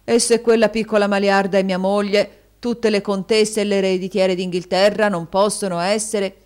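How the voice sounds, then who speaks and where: A woman reading a storybook voices a florid, flattering middle-aged husband who gushes theatrical endearments. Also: medium pitch, moderate pace, clean tone, pitched above the performer's own voice, close to an everyday voice. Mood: gushing.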